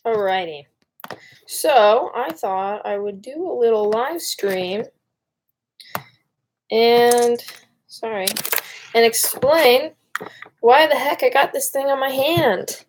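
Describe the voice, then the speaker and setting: A woman's voice: fairly high pitch, takes it slowly, pauses often, a little hiss or hum, low-quality recording. A young woman with a Great Lakes Michigan accent chats casually on a live stream in an informal, rambling way. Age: young adult. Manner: rambling, informal, breaks off and addresses viewers.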